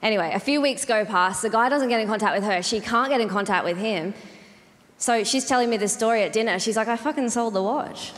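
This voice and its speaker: A woman's voice: mid-range voice, fast talker, fairly bright tone, slight background noise. A woman doing live stand-up comedy in a reverberant venue, telling stories in a casual, sweary, conversational way and acting out bits of dialogue. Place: comedy venue in front of an audience.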